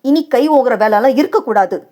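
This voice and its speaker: A woman voicing a young husband who speaks firmly and reproachfully, warning and calming his wife. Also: a little high, fast talker, natural voice. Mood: stern. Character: stern young husband, firm but caring.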